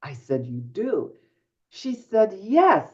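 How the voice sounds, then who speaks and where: A woman's voice: sits low, lively intonation, unhurried. An older woman, a medium guesting on an interview show, tells stories and acts out both sides of each conversation. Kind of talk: anecdotal storytelling in a podcast interview. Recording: dull lo-fi audio.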